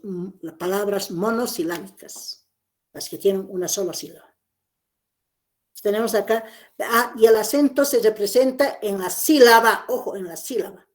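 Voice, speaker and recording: A woman's voice: medium pitch, a little mellow. Lady teacher walking a class through phonetics, repeats stuff, keeps asking "¿no?". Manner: explanatory, repeats key points, checks with "¿no?". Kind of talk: classroom lecture.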